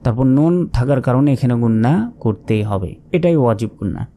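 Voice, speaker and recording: A patient male teacher with a Bangladeshi Bengali accent, spelling out syllables one at a time and asking the class rhetorical questions. His voice is mellow and dark, at an ordinary male pitch, and he talks at a steady classroom pace. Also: fairly quick. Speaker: Quran reading teacher. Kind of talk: slow spelling-out lesson.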